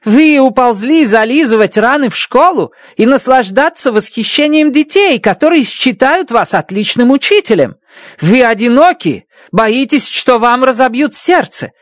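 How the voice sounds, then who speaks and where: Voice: medium pitch, lively intonation, moderate pace, no echo, studio quality, voice pushed up, natural voice. A reader voicing a stern, domineering woman mission chief who barks orders in an audiobook. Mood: scornful. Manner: shouting, harsh and domineering. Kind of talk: audiobook character voice.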